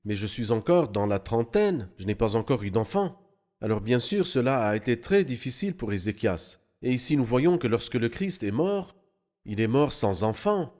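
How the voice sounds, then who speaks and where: Guy teaching bible verses, voice goes up and down a lot, lively. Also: medium pitch. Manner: animated expository teaching. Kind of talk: Bible study discussion.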